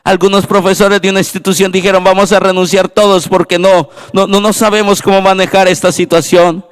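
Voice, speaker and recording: A Colombian pastor preaching a sermon in a church, his voice pitched high for a man. His tone is smooth and resonant. He tells stories and builds to fervent exclamations. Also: level tone, brisk. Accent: Colombian Spanish. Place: church sanctuary.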